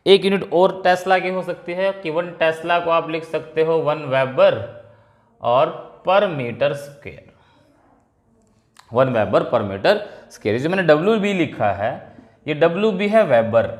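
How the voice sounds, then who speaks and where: Lively man teaching in an echoey room. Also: a little high, takes it slowly, pauses often. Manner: explains step by step, repeats key terms, mixes Hindi and English. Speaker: physics teacher. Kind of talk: classroom physics lecture.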